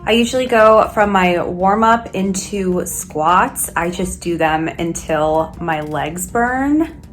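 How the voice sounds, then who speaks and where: Speaking slowly in a voice on the low side, a flight attendant talks frankly through her hotel-room workout routine for a casual vlog. She gets out of breath now and then, and faint music plays behind her.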